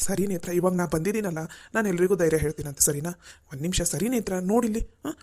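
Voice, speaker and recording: A woman's voice: on the low side, very fast, darkish tone, lightly acted. A woman doing a soothing young man. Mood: reassuring. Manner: soothing, coaxing, repeats "okay?". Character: young man, calm and reassuring friend. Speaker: helper friend.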